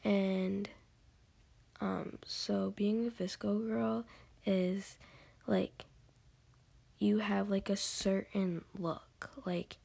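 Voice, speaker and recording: A teenage girl doing a whispered ASMR talk, casual and rambling with many fillers, in a breathy whisper. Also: medium pitch, little pitch movement, drawn-out words, long pauses, warm tone.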